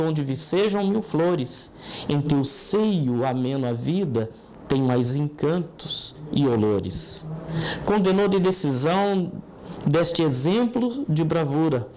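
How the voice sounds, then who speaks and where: A woman's voice: deep voice, mellow, slight background noise, poor audio. A Brazilian woman hosting a programme, declaiming verse and introductions in a showy ringmaster manner. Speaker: host of a city arts and memory programme. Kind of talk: poetry recital and programme introduction.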